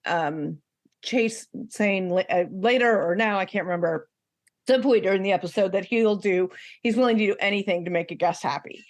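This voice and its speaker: A woman's voice: mid-range voice, normal speed, no echo. Emphatic, chatty woman co-host, casual recap, laughs easily. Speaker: podcast co-host.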